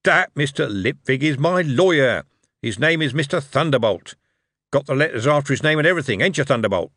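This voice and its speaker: A man's voice: medium pitch, expressive, fairly quick, fairly bright tone, no room sound, clean studio sound, pitched above the performer's own voice. Man doing a brash, blustering older tycoon. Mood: amused. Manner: coarse, blustering, chummy street slang. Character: brash older male tycoon, jovial and shrewd.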